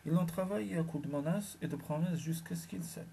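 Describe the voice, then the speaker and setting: A man reading the part of a sardonic sea-dwelling telepath in an audiobook, chiding and ironic, with a mellow, dark tone. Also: mid-range voice, a little fast, creaky, a little hiss or hum, natural voice.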